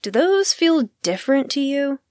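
A woman's voice: high-pitched, sing-song, normal speed, a little mellow, no room sound, studio quality. A woman hosting a self-help podcast, talking in a candid, blunt way and laughing easily between points. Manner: candid and blunt, swears casually; laughs easily mid-sentence. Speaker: podcast host.

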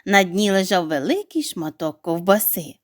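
A woman narrating a children's bedtime story in an expressive, animated reading voice. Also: mid-range voice, normal speed, no echo, clean studio sound.

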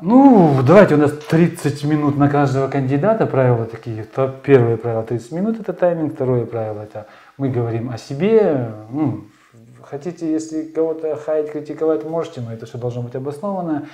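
A middle-aged man hosting an interview, briskly setting out the rules and prompting with short questions. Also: a little high, expressive, warm tone. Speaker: interview host. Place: small bright studio.

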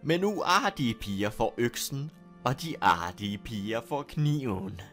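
A man voicing a menacing fake Santa, a male axe killer who taunts his victim with slow, drawn-out calls. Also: mid-range voice, expressive, fairly bright tone, soft background music, natural voice. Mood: gloating.

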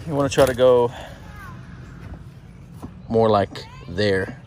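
A man's voice: mid-range voice, slow pace, darkish tone. A man, chatting and joking casually while filming himself from a kayak on a lake. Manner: laid-back, joking, upbeat banter. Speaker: vlogger filming a family kayak outing. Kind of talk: casual outdoor vlog chat. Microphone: camera at arm's length. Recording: outdoor wind and water noise.

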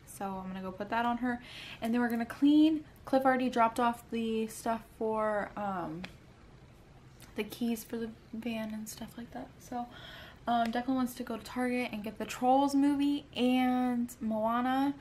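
A woman's voice: a little high, steady tone, measured pace, a little mellow, slight background noise. A woman in her twenties talking casually to camera as a stay-at-home mom at home, rambling and tired, often sighing between thoughts. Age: 20s. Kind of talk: casual vlog chat to camera.

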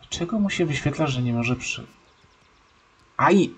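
Sarcastic husky-voiced young man gaming. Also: medium pitch, lively intonation, unhurried. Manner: sarcastic, scolding his game horse. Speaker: let's-play gamer. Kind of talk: casual gameplay commentary.

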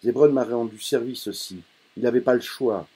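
A man's voice: medium pitch, a little fast, dark tone, breathy edge, voice pushed up. A man voicing a cold domineering father. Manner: commanding and dismissive.

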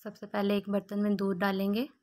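A woman hosting a cooking channel, giving calm step-by-step recipe instructions as a voice-over. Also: mid-range voice, brisk. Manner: calm, even instructions in short steps.

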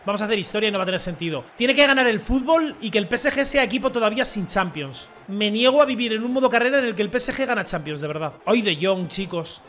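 A young man giving excited commentary as he plays a football video game, talking to his viewers, swearing and shouting at the referee. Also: high voice, fast, hardly any pauses, a little hiss or hum. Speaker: gaming streamer.

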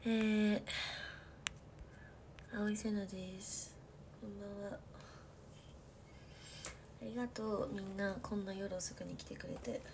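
A young woman live streamer chats casually from her bedroom late at night, her medium-pitched voice slow and fairly even, with long pauses and a noisy background. Soft-spoken and chatty, she often drops into whispers and laughs a lot.

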